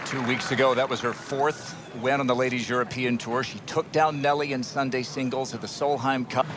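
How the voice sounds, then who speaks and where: A man's voice: mid-range voice, steady tone, brisk, a crowd in the background. A man commentating live on a golf tournament as the lead announcer, in an outdoor broadcast. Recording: outdoor broadcast with loud ambient noise.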